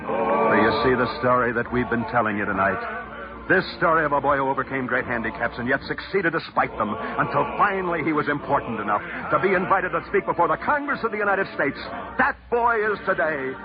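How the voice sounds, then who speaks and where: A man as a sports broadcaster, telling stories in dramatic 1940s radio newsreel narration with theatrical pitch swings. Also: animated, brisk. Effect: old radio newsreel broadcast. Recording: muffled old radio recording with loud music.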